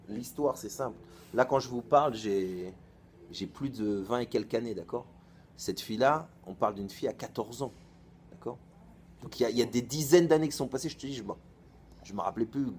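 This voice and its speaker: A man in his thirties, a rabbi giving an informal storytelling sermon in a colloquial, lively way, acting out both sides of the conversations he recounts. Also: medium pitch, fairly quick, a little hiss or hum.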